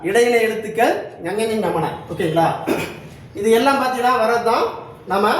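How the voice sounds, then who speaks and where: A man teaching a grammar lesson for exam students, going through examples one by one and often stopping to check that the class is following. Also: very high voice. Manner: repeats a checking question after each point. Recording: very echoey room, voice from far off.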